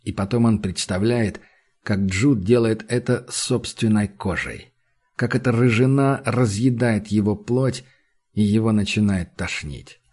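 Husky-voiced male audiobook narrator. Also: on the low side, unhurried, darkish tone. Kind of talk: scripted literary narration.

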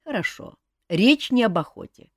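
A woman's voice: mid-range voice, big pitch swings, moderate pace, no echo, studio quality, voice pushed up. A woman reading an audiobook, voicing a sardonic young king who needles his cousin dryly and insistently.

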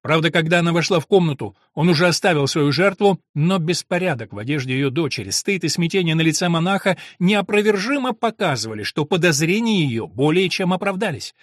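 A man narrating an audiobook in a dramatic, expressive reading, close to a studio mic. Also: a little high, fairly quick, hardly any pauses, dry recording.

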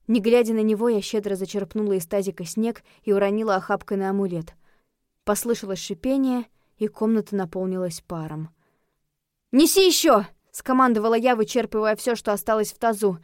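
A woman reading a first-person novel aloud as an audiobook narrator, expressive, falling soft and quiet at tense moments. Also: mid-range voice, brisk, no room sound, clean studio sound.

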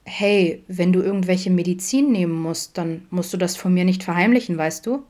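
A woman voicing a gentle, caring young man. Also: fairly low pitch, moderate pace, close to an everyday voice. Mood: concerned. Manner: soft and hesitant, concerned. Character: gentle, cheerful young male camp counselor, caring.

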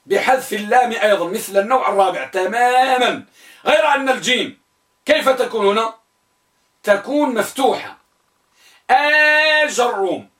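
A man teaching an Arabic grammar lesson. He quizzes his students and spells each word form out slowly, repeating it. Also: sits high, fairly bright tone, echoey room, recorded from a distance. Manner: asks the students questions and answers them himself.

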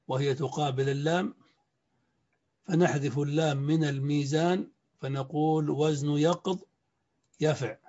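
Man lecturing slowly, dull lo-fi sound. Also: fairly high pitch, mellow. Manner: measured, repeats key points, clears throat. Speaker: sheikh teaching Arabic morphology. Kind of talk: classroom lecture. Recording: dull lo-fi recording.

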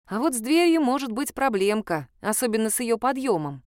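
A woman narrating a first-person story in a lively, wry way, often indignant. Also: fairly high pitch, brisk, no echo, studio quality.

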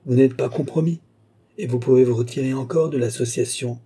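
A man's voice: medium pitch, steady tone, a little fast, warm tone, breathy edge. Man voicing a haughty countess. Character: proud, quick-tempered noble countess. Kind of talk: audiobook character voice.

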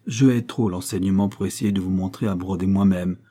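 A man reading aloud voices a vain, pompous middle-aged widow who scolds her niece haughtily, with sudden rises in pitch. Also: steady tone, brisk, dark tone. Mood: haughty.

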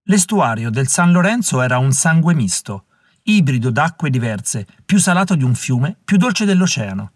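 Calm male audiobook narrator. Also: mid-range voice, dry recording, clean studio sound. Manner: measured, calm literary reading. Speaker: audiobook reader. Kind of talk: scripted narration.

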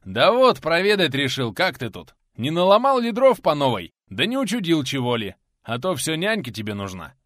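A man voicing a stocky, bearded former outlaw, a gruff, teasing man with a hoarse, coughing voice. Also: fairly high pitch, very animated, normal speed, fairly bright tone, no room sound, clean studio sound, pitched above the performer's own voice. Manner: gruff, threatening, mocking.

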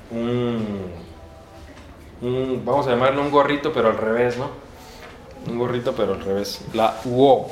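A man's voice: medium pitch, a little mellow. A man with a Mexican Spanish accent teaching a pronunciation lesson in an auditorium, spelling out sounds one by one and asking the class questions. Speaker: Esperanto teacher. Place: large university auditorium. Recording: roomy auditorium echo, faint background noise.

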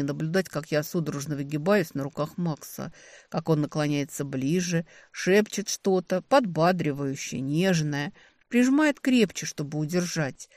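An audiobook narrator reading a dark fantasy novel in an expressive, dramatic way. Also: mid-range voice, no room sound.

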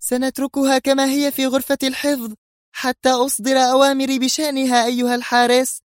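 A man putting on a shrill furious villainess. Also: monotone, brisk, dry recording, clean studio sound. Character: angry scheming female villain.

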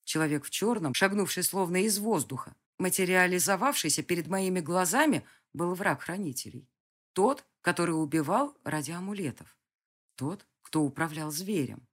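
A narrator giving a lively, expressive first-person reading of a fantasy audiobook. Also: medium pitch.

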